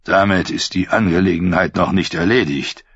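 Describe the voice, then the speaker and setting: A man voicing a gruff, stern older lord in an audiobook, growling his lines. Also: deep voice, fairly even intonation, moderate pace, fairly bright tone, no room sound, muffled recording.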